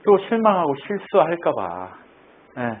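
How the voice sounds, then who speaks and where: High pitched guy preaching in church, chatty, keeps asking the crowd stuff, sounds like over a phone. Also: measured pace. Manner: lively, conversational preaching with many questions to the congregation. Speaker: pastor. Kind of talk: sermon. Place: church sanctuary. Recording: tinny phone-like church recording with faint noise.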